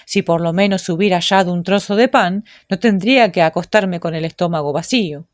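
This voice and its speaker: A poor, hungry duke from a folk tale, a grown man grumbling his weary thoughts aloud, as a woman reading the story lends him her own low voice. The sound is dry and close. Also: brisk, no room sound, lightly acted. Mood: weary, wistful.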